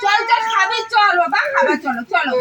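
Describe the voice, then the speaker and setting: A woman's voice: very high-pitched, sing-song, normal speed. A woman acting an aunt in a homemade comedy skit, coaxing a crying boy and scolding her husband. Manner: coaxing, scolding, repetitive urging. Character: coaxing young aunt and daughter-in-law. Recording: loud background noise.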